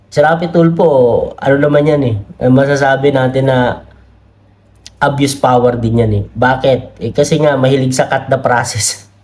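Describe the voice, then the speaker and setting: A man's voice: mid-range voice, fairly even intonation, normal speed, darkish tone. Chatty Filipino man reading comments. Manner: chatty, laughs often, many tag questions; reads comments aloud from screen. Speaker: political commentary vlogger. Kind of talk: casual commentary. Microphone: camera mic.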